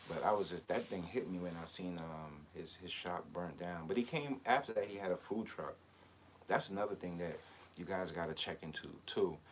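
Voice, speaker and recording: A man's voice: deep voice, moderate pace, slight background noise. A man from Barbados, a clothing designer hosting a live chat, talking casually and rambling with many hesitations and fillers. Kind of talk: casual live-stream talk.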